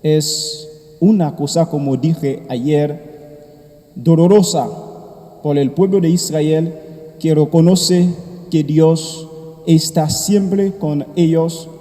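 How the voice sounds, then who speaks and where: A man speaking as a priest at Mass, solemn and measured, with a cathedral echo around his voice. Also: on the high side, mellow. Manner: slow, measured liturgical delivery with cathedral echo. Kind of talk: solemn Gospel reading and homily. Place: reverberant church. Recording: long cathedral-like echo of a large church.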